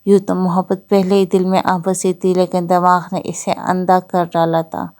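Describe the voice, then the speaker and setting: A woman narrating a romantic audio novel in a steady, even storytelling voice. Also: fairly low pitch, clean tone.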